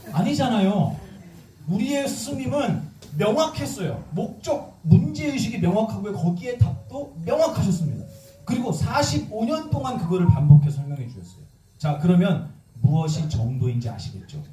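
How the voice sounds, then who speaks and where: A man's voice: high voice, recorded from a distance, a little hiss or hum. A man, a Buddhist monk, giving a sermon with questions to the audience, acting out quoted voices and joking, in an echoey temple hall a little off the mic. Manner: lively, acts out quoted voices and jokes.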